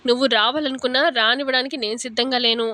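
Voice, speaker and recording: Bossy young husband, read by a woman narrator: high, bright, constantly scolding. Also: steady tone, quick pace, no echo. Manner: scolding, complaining.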